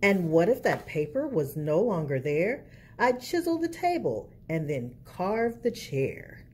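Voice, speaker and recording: At a measured pace, a woman gives a read-aloud of a children's picture book in an expressive, storytelling manner. Her pitch varies freely over a warm, rounded, mellow tone, and slight background noise is present.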